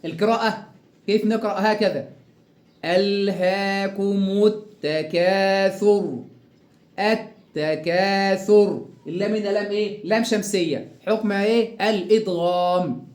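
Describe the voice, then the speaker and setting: High-voiced Egyptian man teaching recitation. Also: a little mellow, echoey room. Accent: Egyptian Arabic. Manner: asks and answers his own questions, stretches example words slowly. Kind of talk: tajweed lesson.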